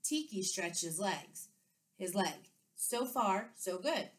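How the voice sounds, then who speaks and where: A woman teacher reading a picture book aloud to her young class, clear and expressive. Her voice sits at an ordinary middle pitch, and she narrates the story at a steady, friendly storytelling pace. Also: slow. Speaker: second-grade teacher. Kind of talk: children's book read-aloud.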